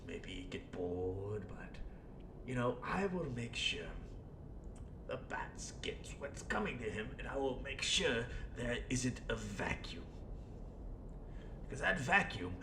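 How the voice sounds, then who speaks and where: A man's voice: big pitch swings, takes it slowly, gravelly, heavily acted. A man voicing a scheming, theatrical villain clown in an audio roleplay, rambling and sardonic with sudden swings between muttering and outbursts. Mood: persuasive. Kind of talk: in-character audio roleplay monologue. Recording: roomy echo, faint rumbling background noise.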